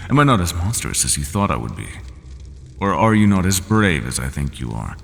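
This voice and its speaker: Lonely, bitter Minotaur, voiced by a man: very low, gravelly, lively pitch, slow solemn delivery, faint ambient noise. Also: in a large hall, exaggerated voice. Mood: challenging. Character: lonely brooding Minotaur, a bull-headed male prisoner. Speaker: ASMR roleplay performer. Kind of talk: ASMR roleplay monologue.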